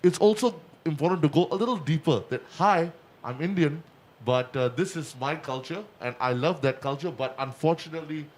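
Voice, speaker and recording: A young Singaporean man, whose mother tongue is Punjabi, speaks Singaporean-accented English on a community panel in a casual chat. His voice is a little high and a little fast, and he's animated and emphatic, repeating his points.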